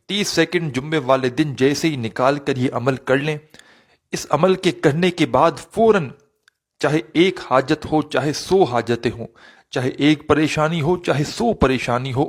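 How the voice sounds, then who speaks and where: A man hosting a devotional video, speaking earnestly and repetitively to viewers and leading a pleading prayer. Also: fairly high pitch. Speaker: religious video host.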